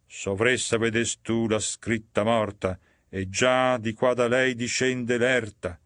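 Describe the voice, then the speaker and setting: A man's voice: medium pitch, little pitch movement, takes it slowly, a bit bright, dry recording, clean studio sound. A man voicing a wise, stern old guide spirit, solemnly declaiming verse. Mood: resolute.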